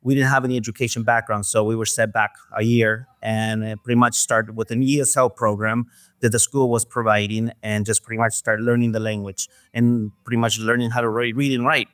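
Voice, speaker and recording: A man from Mexico, a guest in an interview, talking in a soft, hesitant way with many fillers. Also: medium pitch, flat delivery, fairly quick, dry recording, studio quality. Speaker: guest, restaurant owner. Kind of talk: casual interview talk.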